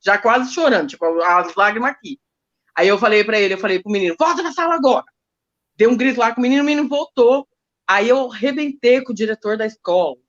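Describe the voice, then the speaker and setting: A woman's voice: a little high, quick pace. Woman teacher w/ sao telling school stories, emotional, lots of quoting, a bit lo-fi. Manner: emotional, animated retelling with quoted speech. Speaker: teacher guest. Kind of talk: storytelling in a casual interview.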